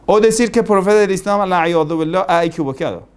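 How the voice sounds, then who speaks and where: A man preaching, his voice sitting a little high for a man. He lectures emphatically, circling back to key phrases and firing rhetorical questions at his listeners. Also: fast talker, clear, resonant tone. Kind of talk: religious lecture.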